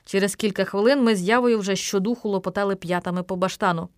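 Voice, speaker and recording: A woman's voice: medium pitch, quick pace, dry recording, studio quality. Woman reading a children's story aloud. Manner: lively storytelling, acting out the characters. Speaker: narrator.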